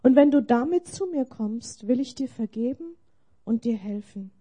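A woman voicing a gentle, kind Jesus in a story she tells during a sermon, speaking softly and tenderly. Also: on the high side, lively intonation, moderate pace.

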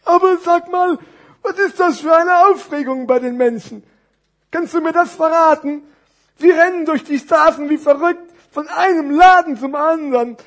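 A chubby, dim-witted scarf gift from a spoken storybook, voiced by a man. The voice is very high and squeaky, and it is naive and curious. It keeps tripping over its words. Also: normal speed, fairly bright tone.

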